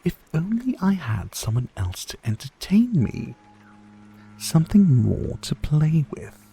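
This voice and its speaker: Playing an ancient, sadistic vampire lord for a scripted ASMR roleplay, a man speaks close to the mic, silky and theatrical, taunting and frequently slipping into breathy whispers. His fairly high, mellow, exaggerated voice swoops wildly in pitch at a measured pace. He sounds seductive and brooding, and faint music plays in the background.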